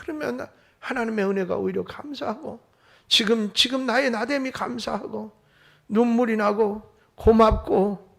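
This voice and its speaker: High, gravelly man preaching with fervor. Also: normal speed. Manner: swings from emphatic raised calls to hushed whispers; rhetorical questions to the congregation. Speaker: senior pastor. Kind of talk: Sunday sermon. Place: church service.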